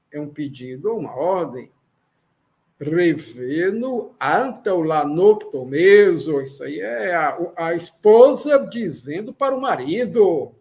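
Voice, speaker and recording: A man with a Brazilian accent teaches a language lesson in a slow, deliberate way. His voice sits fairly high for a man. He goes back over his example sentences patiently. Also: vocal fry. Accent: Brazilian Portuguese. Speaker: Esperanto teacher. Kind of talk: slow classroom explanation.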